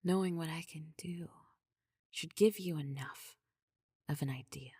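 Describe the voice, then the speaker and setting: Possessive necromancer queen played by a woman, whispered role-play. Low, heavily breathy, formal and measured, soft but controlling. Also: no echo, full character voice. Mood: possessive, persuasive. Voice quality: deep, breathy, husky.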